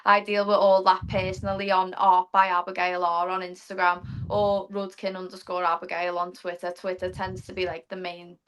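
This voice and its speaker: A woman's voice: fairly low pitch, monotone, moderate pace, few pauses, fairly bright tone, clear, resonant tone. A young woman, a guest artist on a casual podcast, telling stories with chatty enthusiasm.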